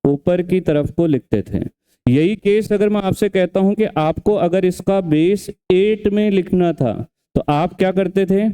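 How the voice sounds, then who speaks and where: A man's voice: high-pitched, measured pace, mellow, clear, resonant tone. A man teaching an exam revision class, who keeps quizzing and scolding his students and repeats each step. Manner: questioning, scolding, repeats steps.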